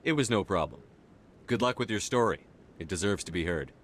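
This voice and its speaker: An actor playing a heroic military commander in a video game, earnest, steady and plain-spoken. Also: male voice, sits low, brisk, a little hiss or hum. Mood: polite, steady. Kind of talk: video game dialogue acting.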